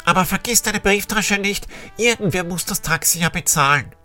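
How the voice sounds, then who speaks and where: A man's voice: sits high, moderate pace, sharp tone, faint music behind. A man playing a cheeky, teasing Christmas ghost. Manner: cocky and teasing. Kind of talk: storybook reading.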